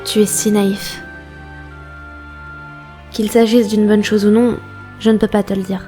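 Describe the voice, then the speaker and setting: Lady playing a composed cat girl, flat mellow delivery, french fandub w music. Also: mid-range voice, measured pace, natural voice. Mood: cool, matter-of-fact. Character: cool, composed young female cat companion. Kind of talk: amateur video game fan dub in French. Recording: background music under the voice.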